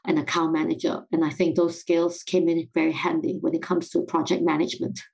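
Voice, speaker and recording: A woman's voice: low-pitched, flat delivery, a little fast, gravelly, darkish tone, rough recording. A middle-aged woman from Singapore with a Singaporean-British accent, speaking thoughtfully as a guest in a podcast interview. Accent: Singaporean English with some British. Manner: thoughtful, self-reflective, laughs lightly. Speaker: guest, company founder.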